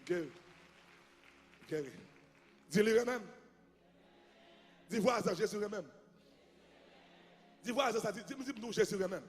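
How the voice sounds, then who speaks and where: A male pastor giving an impassioned sermon, half singing and shouting his lines. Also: high voice, measured pace, pauses often. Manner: impassioned, half-sung preaching with shouted cries. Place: large church hall. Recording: long church reverb with music behind.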